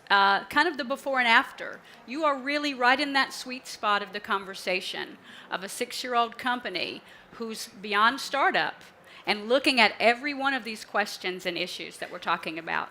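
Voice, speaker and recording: A woman with a high, bright voice who moderates a conference panel. She introduces each speaker in an upbeat, smooth way, with faint room noise in the background. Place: conference stage.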